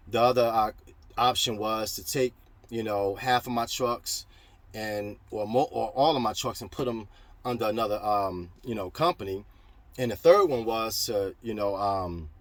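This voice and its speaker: A man's voice: medium pitch, a bit bright, no room sound. A middle-aged American man talking casually to viewers in a rambling, plain-spoken vlog style, repeating phrases as he gives advice. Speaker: vlogger and trucking business owner. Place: in a parked truck cab.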